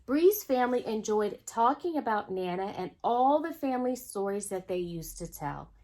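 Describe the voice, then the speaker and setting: This woman's medium-pitched voice is a little mellow but very animated, moving at a normal speed. Hosting a storytime for young children, she reads a picture book with expression and breaks off to speak straight to her listeners.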